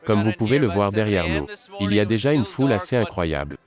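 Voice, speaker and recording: A man's voice: lowish voice, expressive, a little fast, over music. A man reporting from the street at a large outdoor rally, talking in a casual, upbeat way. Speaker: field reporter. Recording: loud crowd behind.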